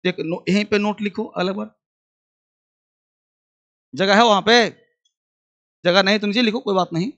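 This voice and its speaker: High-voiced male teacher. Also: fairly bright tone, muffled recording. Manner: repeats phrases slowly for dictation; questions the class and answers himself. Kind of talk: classroom grammar lesson.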